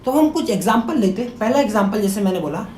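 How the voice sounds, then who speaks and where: A man teaches grammar in a fairly high, mellow voice. He keeps quizzing his viewers, repeating each answer as a question and sounding words out slowly. The room is echoey, with a faint rumble underneath. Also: lively intonation. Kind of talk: grammar lesson to camera.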